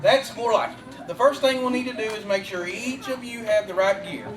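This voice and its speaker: A man's voice: high voice, brisk, over loud music, lightly acted. Man doing a jolly Australian outback guide. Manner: jokey, upbeat, addresses the crowd as mates. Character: cheerful outback guide man, teasing, folksy. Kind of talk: live church skit acting. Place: large hall with an audience. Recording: roomy distant live recording with audience and noise.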